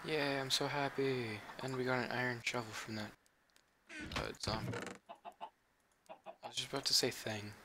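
A man's voice: mid-range voice, little pitch movement, normal speed, pauses often. A teenage boy from Canada, rambling tiredly through casual let's play commentary as the channel host. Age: teens. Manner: rambling, chatty, tired and yawning. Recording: home mic with clear background noise.

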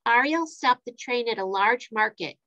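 A woman reading a children's story aloud, expressive and playing with sound effects. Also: a little high, normal speed, dull audio.

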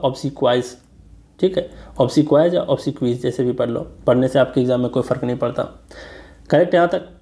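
Male tutor, mellow and a touch high, exam-prep grammar lesson, patient step-by-step explainer. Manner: explains step by step, asks rhetorical checks; reads example sentences slowly. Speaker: English grammar teacher.

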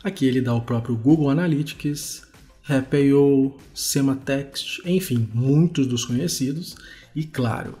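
Over background music, a Brazilian-accented man hosts a web development screencast, chatting informally while demonstrating. He speaks unhurriedly in a mid-range voice with a dark tone.

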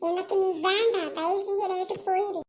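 Grumpy old husband, loud scolder, voiced by a woman in a comedy skit. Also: extremely high pitch, steady tone, a little fast. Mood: angry. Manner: scolding, shouting. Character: grumpy old husband, quarrelsome then sorry.

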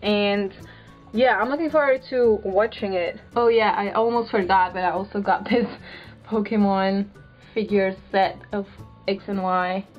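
A woman's voice: medium pitch, fairly even intonation, measured pace, faint music behind. Female vlogger, Dutch accent, informal rambling chat, mid-range voice, lo-fi handheld recording. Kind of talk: casual chat, showing a haul. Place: small bedroom, indoors. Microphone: handheld camera's built-in mic. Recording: muffled lo-fi handheld camera sound.

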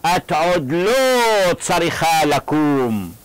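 A man with a fairly high voice leads a classroom language lesson. He drills short phrases slowly and has his students repeat them. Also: sing-song, clean tone, rough recording. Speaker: language teacher. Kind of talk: classroom lecture.

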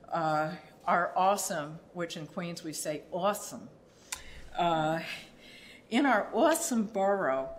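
An older woman, an architect, presenting her work in a public lecture with a reflective, halting delivery full of pauses. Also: fairly low pitch, slight background noise. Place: dim lecture hall, seated at a table on stage.

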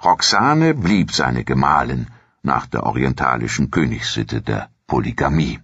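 Reading scripted documentary audiobook text, a male narrator uses an extremely deep, husky voice with big swings in pitch and an unhurried pace. His tone is a bit bright. The recording is dry, somewhat muffled and free of echo.

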